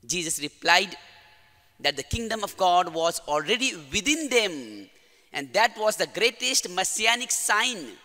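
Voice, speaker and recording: High, sharp-voiced priest in echoing church. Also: male voice, sing-song, measured pace. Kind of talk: gospel reading and homily. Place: church with long reverberation. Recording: long echoing church reverb.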